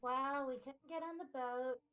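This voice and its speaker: A woman's voice: high voice, steady tone, measured pace, a bit bright. A woman player in an online tabletop game, her voice breaking up and dropping out over a bad connection as she chats offhand. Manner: offhand, rambling recap with fillers. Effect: voice breaking up over a bad wireless connection. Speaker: player recapping her character's story. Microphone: home mic on an online call.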